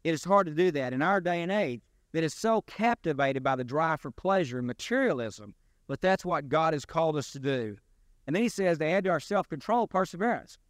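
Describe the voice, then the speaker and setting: A man preaching a sermon as pastor, in a deliberate, emphatic delivery with rising and falling stresses. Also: a little high, lively intonation, no room sound, studio quality.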